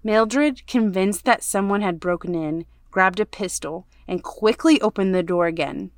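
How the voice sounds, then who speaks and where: A woman podcast host reading a ghost story aloud in a measured, storytelling way, going hushed on the dark parts. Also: medium pitch, no echo, clean studio sound.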